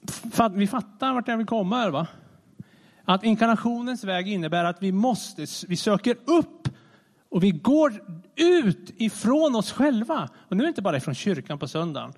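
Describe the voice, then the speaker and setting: A man preaching a sermon in a conversational, animated way, often restarting his sentences. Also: sits high. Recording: long reverb of a large hall.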